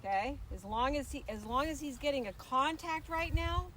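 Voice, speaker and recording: A woman working as a riding instructor, coaching a rider through a lesson with brisk, projected commands and running encouragement. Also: sits high, animated, a bit bright. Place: riding arena among horses. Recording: noisy, with hoof clip-clop and ambience.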